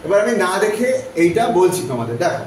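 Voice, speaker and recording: A man teaching a phonetics lesson, repeating vowel sounds slowly so students can follow. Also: high voice, big pitch swings. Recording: very echoey room, voice from off-mic, faint background noise.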